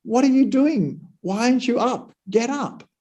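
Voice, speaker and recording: A man voicing a stern household mistress who scolds her maid, in a high put-on voice. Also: unhurried. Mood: scolding. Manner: sharp, scolding commands. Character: stern scolding mistress, woman, quick to anger.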